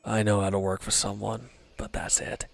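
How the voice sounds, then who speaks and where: A man plays the beaten, injured henchman of a villain in a close audio roleplay, halting and bitter, defensive and hopeless, occasionally dropping almost to a whisper. His lowish, creaky voice barely moves in pitch, carrying a weary, despondent mood.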